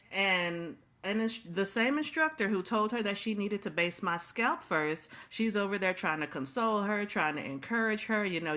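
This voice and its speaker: A woman vlogger with a medium-pitched, fairly bright voice tells a personal story directly to her viewers. She's casual but emphatic, repeating key phrases for effect.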